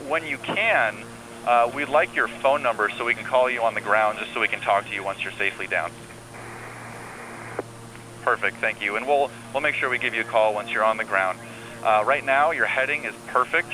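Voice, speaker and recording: Bright-voiced man on air traffic control radio. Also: mid-range voice, rough recording. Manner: calm, reassuring, step-by-step instructions. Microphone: radio transmission. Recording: air traffic radio with faint hum and noise.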